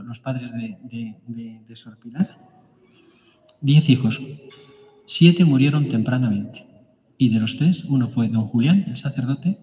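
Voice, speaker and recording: A man reading a story of martyrs aloud to a prayer group as preacher, halting and restarting now and then. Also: mid-range voice, warm tone. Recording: echoey hall, dull lo-fi sound.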